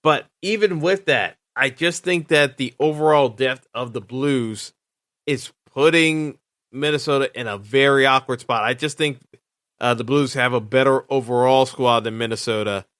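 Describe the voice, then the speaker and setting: A man's voice: medium pitch, normal speed, fairly bright tone, no echo, clean studio sound. A male podcast host giving solo sports commentary, thinking aloud with many fillers and restarts. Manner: hesitant, full of fillers and restarts.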